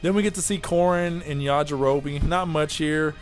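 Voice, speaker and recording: A man's voice: a little high, normal speed, soft background music. A young man giving a casual, rambling, offhand video review of an anime episode. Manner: rambling, offhand, chatty with fillers.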